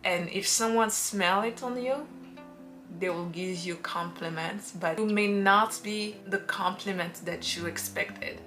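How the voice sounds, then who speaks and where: Over background music, a woman reviews perfumes in a relaxed vlog, her mid-range voice fairly bright. Her delivery is slow and drawn out, with playful quotes she acts out.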